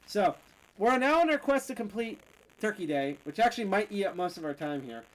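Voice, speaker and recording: Very animated and talking a little fast, this streamer has a mid-range voice and sounds a bit tipsy. They joke and ramble through the game, losing the thread and restarting, all on low-quality audio.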